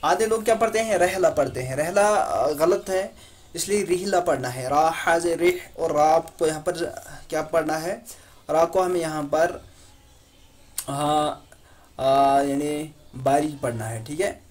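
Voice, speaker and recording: A man's voice: on the high side, unhurried. A man teaching Quran recitation with tajweed, patiently spelling out letters and vowel marks syllable by syllable. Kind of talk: slow spelled-out recitation lesson.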